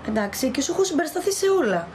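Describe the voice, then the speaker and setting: A woman's voice: sits high, very animated, darkish tone, a little hiss or hum. Woman playing an insistent, demanding mistress. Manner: insistent, wheedling. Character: demanding mistress pressing her lover.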